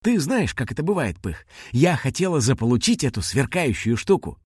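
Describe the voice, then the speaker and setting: A man voicing a chatty, excitable young female dragon in a storybook reading, in high, breathless bursts. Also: moderate pace, slightly rough, dry recording, studio quality. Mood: excited.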